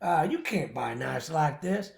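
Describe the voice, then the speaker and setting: A man putting on a Southern US accent to play a folksy late-night TV knife salesman, pitching in a slow, drawling way. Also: very animated, vocal fry, heavily acted. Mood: salesy. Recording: roomy echo.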